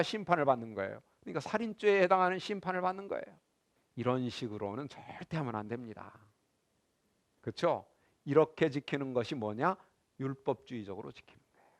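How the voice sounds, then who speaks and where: Animated high-voiced male lecturer. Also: clear, resonant tone. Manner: animated, acts out scenes and asks the class questions. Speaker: seminary professor lecturing. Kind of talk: Bible lecture to a class. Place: lecture room.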